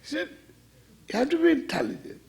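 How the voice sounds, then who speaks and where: Playful and wry, a swami with an Indian English accent poses questions in an informal spiritual talk, then answers them and repeats phrases to stress them. He speaks a little fast in a very high voice with huge pitch swings and vocal fry.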